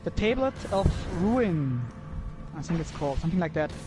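A man's voice: fairly high pitch, big pitch swings, normal speed, over music. A man leading a game raid, explaining lore and tactics with plenty of ums and restarts over voice chat. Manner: explains with many fillers and restarts.

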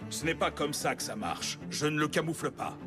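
A man's voice: on the high side, lively intonation, normal speed, music in the background, close to an everyday voice. An actor playing a proud, vain, lovesick strongman in an anime dub, with pompous, mannered politeness. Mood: courtly, proud.

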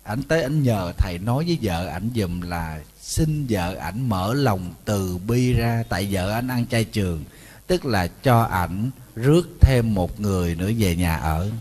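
A man with a Southern Vietnamese accent, a Buddhist monk giving a storytelling sermon, animated and joking, talking straight to his listeners. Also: fairly low pitch, a little slow, long reverb tail. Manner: animated, joking, addresses audience directly.

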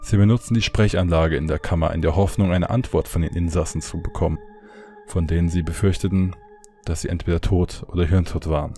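A man reading a horror story aloud in calm, measured narration. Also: sits low, faint music behind.

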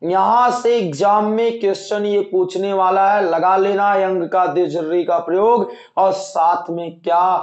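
A man's voice: sits high, fairly even intonation, a little slow, hardly any pauses. A male teacher going through an exam syllabus, repeating key points and reassuring students he calls dear children. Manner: repetitive, assuring, addresses students as dear children. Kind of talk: exam-prep lecture. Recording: echoey room, dull lo-fi sound.

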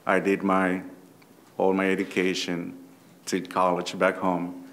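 A man from Venezuela with a Venezuelan Spanish accent, speaking haltingly as a panelist in a conference room. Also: low-pitched, monotone, a bit bright. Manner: halting, searching for words. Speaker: panelist, teacher. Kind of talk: panel discussion.

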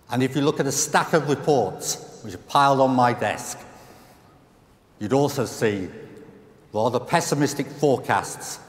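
Middle-aged uk guy giving a punchy keynote on stage, mid-pitched, hall echo behind him. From United Kingdom. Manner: emphatic, rhetorical questions, repeats punchlines. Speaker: chief economist giving a keynote. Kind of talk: conference speech. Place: large conference hall stage. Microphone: headset mic. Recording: roomy hall reverb.

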